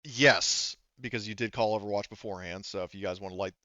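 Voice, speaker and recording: Often pausing as he talks through the rules, a man leads a casual tabletop game in a smooth, fairly low voice with a sharp tone. The recording is close and dry, yet a little dull.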